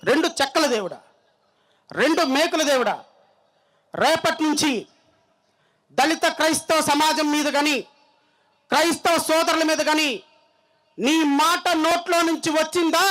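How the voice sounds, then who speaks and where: Speaking at a rally, this man has a bright, forceful, extremely high-pitched voice and an Andhra Telugu accent. His fiery political speech is combative and threatening, driven by emphatic repetition of phrases. Audio is poor.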